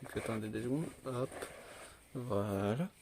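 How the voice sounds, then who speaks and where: A man's voice: medium pitch, measured pace, vocal fry, darkish tone, a little hiss or hum. A young man from France chatting casually through an unboxing vlog, rambling with many fillers and restarts. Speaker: tech unboxing vlogger.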